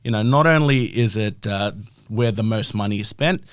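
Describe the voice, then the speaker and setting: A man's voice: on the low side, moderate pace, clean tone, no echo, clean studio sound. A middle-aged man with a broad Australian accent, explaining his work as a guest in a conversational interview. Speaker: interview guest, health-tech founder.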